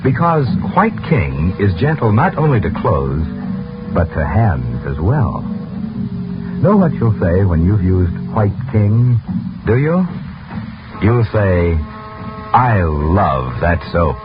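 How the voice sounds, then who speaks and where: Ask: Give me a deep male announcer heard over old AM radio. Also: big pitch swings, takes it slowly. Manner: smooth persuasive pitch. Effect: old AM radio broadcast sound. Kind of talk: 1930s radio ad read. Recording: muffled vintage radio recording with music.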